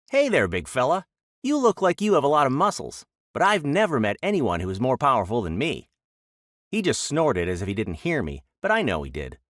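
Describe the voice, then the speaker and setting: Male narrator as trickster rabbit, small and boastful, chatty, very lively intonation, trickster-tale audiobook voice. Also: fairly low pitch, no room sound, studio quality. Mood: gleeful, bragging. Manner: cocky, jabbering trickster-tale storytelling. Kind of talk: animated audiobook character voice.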